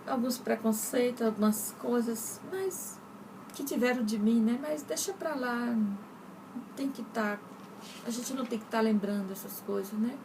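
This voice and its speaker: A woman's voice: a little high, unhurried. A woman from Brazil, earnestly telling a personal faith testimony in a rambling way and speaking straight to her listeners. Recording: distant mic with noticeable background noise.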